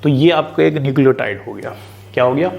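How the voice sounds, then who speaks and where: A man's voice: mid-range voice, fast, vocal fry, highs cut off. A man from India teaching biology in an online exam-prep lecture, chatty, asking and answering his own questions and mixing English terms into his talk.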